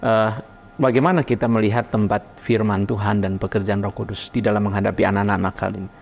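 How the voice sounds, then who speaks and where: A man's voice: lowish voice, little pitch movement, fast, creaky, slight background noise. A man, a pastor, moderating a panel discussion, giving short affirmations and handing turns to the guests.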